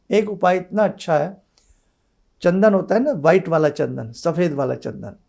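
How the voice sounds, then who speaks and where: A man's voice: fairly high pitch, vocal fry, darkish tone. A man, an astrologer and spiritual teacher, giving devotional teaching with remedies and addressing his listeners as seekers in an instructive, repetitive way.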